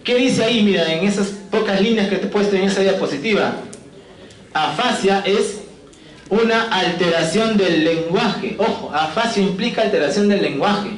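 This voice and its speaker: A man giving a physiology lecture in a fairly high voice, checking in with his students constantly and cracking jokes to keep them awake. The sound is roomy, with the echo of a classroom around him. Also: moderate pace. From Peru. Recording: echoey classroom.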